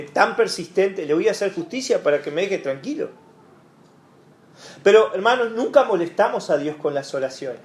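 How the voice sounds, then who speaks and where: A man leads a Bible study in a church, speaking conversationally and leaning on fillers and rhetorical asides to his listeners. His voice sits high for a man, and the room around him rings with a clear echo. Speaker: pastor. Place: church hall.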